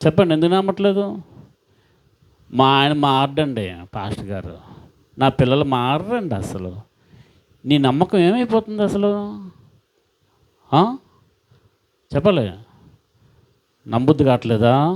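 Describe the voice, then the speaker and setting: A man preaches with emphasis, his voice sitting a little high for a man. He keeps repeating phrases and throws rhetorical questions at his listeners. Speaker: pastor. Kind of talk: sermon.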